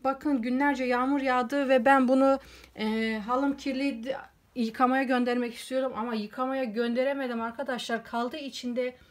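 A woman's voice: high-pitched, level tone, normal speed. A woman in a casual how-to home cleaning video, chatting to viewers as friends while she works on a rug at home.

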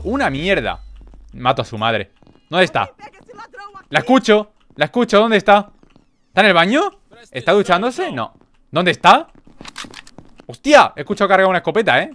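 A young man with a Spain Spanish accent doing joking gameplay commentary, animated, with sudden loud outbursts. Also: on the high side. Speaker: gaming video creator.

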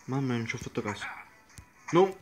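A man's voice: mid-range voice, lively intonation, fairly quick, faint music behind. A young man hosting a gaming channel, commentating a mobile game casually, exclaiming, laughing often and tripping over his words.

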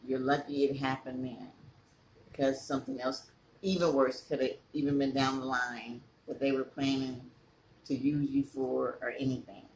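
A man's voice: medium pitch, little pitch movement, normal speed. A man from California, a mukbang vlogger, talking casually to the camera while chewing and putting questions to his viewers. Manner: chatty, asks viewers questions. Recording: echoey room with faint ambient noise.

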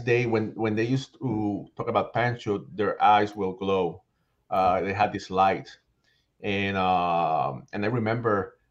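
Puerto rican guy on a headset video call, lowish voice, kinda muffled audio, excited baseball talk. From Puerto Rico. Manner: animated, restarts phrases often. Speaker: guest, baseball writer and podcaster. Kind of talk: casual video-call interview. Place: small home room with shelves.

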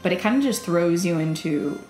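A woman with a slightly low voice talks casually while gaming, explaining things to fellow players. The room around her is noticeably echoey. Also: animated, brisk, darkish tone, faint music behind. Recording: roomy, echoey microphone.

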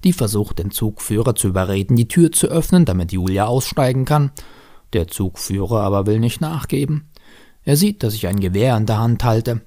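Lively man reading his own story aloud. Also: fairly low pitch, normal speed. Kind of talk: live stage reading of a first-person story.

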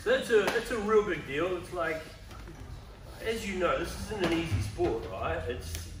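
A man's voice: sits high, lively intonation, measured pace, heavy background noise. A man, a visiting martial arts instructor giving a joking, rambling speech at a belt ceremony. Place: indoor martial arts gym. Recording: echoey gym from far off with loud music over it.

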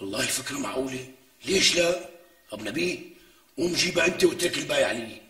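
An actor with a Syrian accent playing a chatty, courteous neighborhood shopkeeper who loves to gossip in a TV comedy. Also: male voice, medium pitch, lively intonation, very fast, pushed and bright, breathy edge, faint music behind, full character voice. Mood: scheming. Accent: Syrian Arabic. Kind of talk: TV comedy acting.

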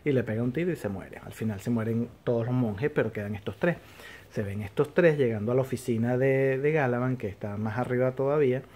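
A man talking through a TV episode as a casual reviewer, at a middling pitch. He rambles as he retells it, restarting phrases and trailing off with filler tags. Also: brisk, darkish tone. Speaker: TV series reviewer.

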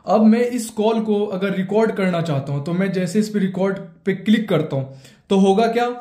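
High-pitched and mellow, this Indian-accented man in his twenties explains phone steps in the manner of a tutorial host, repeating himself to drive points home. The audio was captured in a small, bare indoor room and has an echo.

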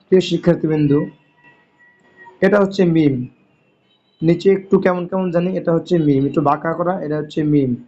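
A man from Bangladesh teaching Quran reading. He spells out Arabic letters and vowel marks one at a time, then blends each word, and talks faster when he explains a rule. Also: on the high side, steady tone, warm tone. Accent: Bangladeshi Bengali. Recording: dull lo-fi recording.

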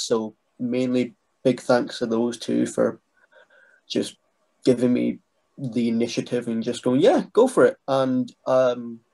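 Brief: young guy, gravelly fry, hesitant, webcam mic in a small bedroom. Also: medium pitch. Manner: soft-spoken, hesitant with many restarts. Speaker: guest, wrestling writer and trainee. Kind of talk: casual interview over video call. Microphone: webcam mic on video call.

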